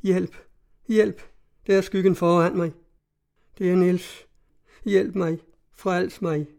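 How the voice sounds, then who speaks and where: A man's voice: sits high, little pitch movement, vocal fry, darkish tone, voice pushed up. A man reading aloud, voicing a distraught young woman who rambles frantically, wild with grief. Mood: terrified. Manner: lamenting, frantic.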